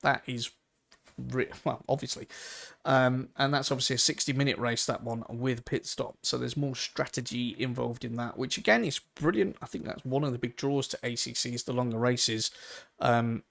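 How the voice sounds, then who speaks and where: A man's voice: mid-range voice, steady tone, normal speed, vocal fry, a bit bright. A man, commentating a sim racing event live in a chatty, rambling way and laughing easily. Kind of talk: live esports race commentary.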